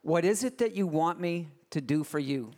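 A man preaching a sermon in short phrases, pausing after each for his interpreter. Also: a little high, animated, darkish tone.

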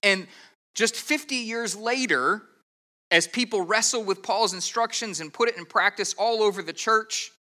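A native English-speaking pastor preaches an expository sermon in a high, pushed, bright voice at normal speed. He explains things step by step, earnestly and methodically, occasionally stammering and restarting.

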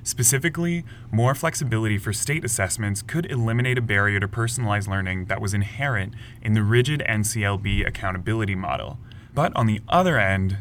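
A man co-hosting a news podcast, reading scripted headlines in a brisk, lightly wry way. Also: lowish voice, a bit bright, a little hiss or hum. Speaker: podcast co-host.

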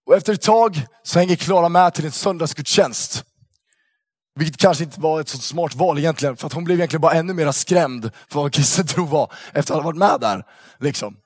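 A young man telling a story to young people in a casual, animated way, full of slang and fillers. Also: fairly high pitch, no echo, studio quality. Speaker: youth speaker.

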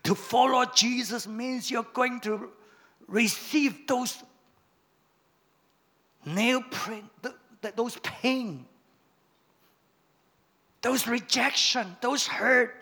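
High-voiced preacher man, slow and emphatic. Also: sharp tone. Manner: preaching with big swings of volume and emphasis. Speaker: pastor. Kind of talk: sermon.

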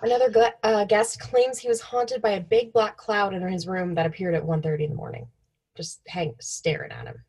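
A woman's voice: mid-range voice, steady tone, a little fast, a little mellow, slightly rough. A young woman co-hosting in an informal, offhand way, telling stories partly read from notes. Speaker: podcast co-host.

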